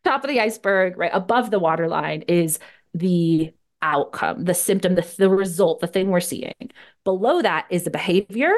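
Lively woman coach talking shop. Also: on the low side, moderate pace. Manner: lively, talks in acted-out inner dialogue. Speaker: career coach, podcast guest. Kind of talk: casual podcast interview.

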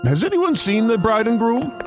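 Theatrical wedding officiant. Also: male voice, very high voice, very animated, normal speed. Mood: comic. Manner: theatrical, comic. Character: flustered male wedding officiant. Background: music.

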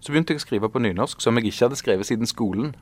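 A man in his forties, an artist talking in an interview, thoughtful and searching for words with many fillers and restarts. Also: medium pitch. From Norway. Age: 40s. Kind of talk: casual interview conversation.

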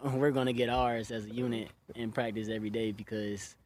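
A man's voice: mid-range voice, fairly even intonation, fairly quick, a little mellow, a little hiss or hum. Young male athlete in a casual interview. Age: 20s. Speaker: college football player being interviewed.

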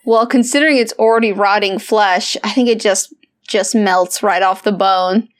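A woman's voice: mid-range voice, steady tone, normal speed. A woman chatting casually as a player in a tabletop role-playing game.

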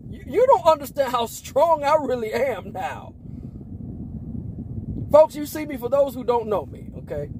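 High-voiced, lively man in his forties. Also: unhurried, long pauses, a little hiss or hum, rough recording. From Las Vegas, Nevada, US. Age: 40s. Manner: laughs often, slangy and emphatic, bursts into shouts. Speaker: preacher and podcast host. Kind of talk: casual preaching talk.

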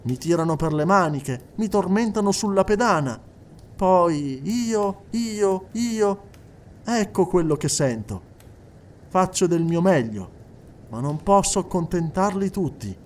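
A man's voice: high voice, expressive, takes it slowly, pitched above the performer's own voice. A man voicing a serious, distant woman spirit medium who speaks plainly and earnestly.

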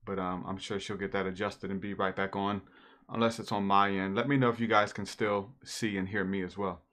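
Relaxed folksy man hosting a live stream. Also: sits low, brisk. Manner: relaxed, folksy, talks with a religious slant. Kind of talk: casual live-stream interview.

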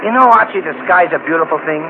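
Gravelly dim cab driver. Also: male voice, fairly high pitch, fast. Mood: dopey. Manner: rough slangy talk, mangles big words. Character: dim-witted, good-natured male cab driver. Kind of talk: 1940s radio comedy acting. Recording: muffled old radio broadcast with hiss.

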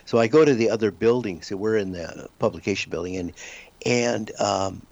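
A man from the United States, a guest author on a radio interview, tells a personal story in a lowish, creaky, darkish voice at normal speed. He rambles, often restarting sentences and repeating words. The recording sounds dull and lo-fi.

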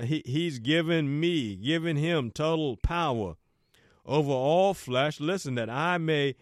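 A man preaching with fervor in a slightly higher voice than most men. He leans on key phrases, slows them down and affirms his own points with repeated yeses. The sound is dry and close, with no room echo. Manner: emphatic, repeats words and affirms himself with "yes, yes". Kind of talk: sermon.

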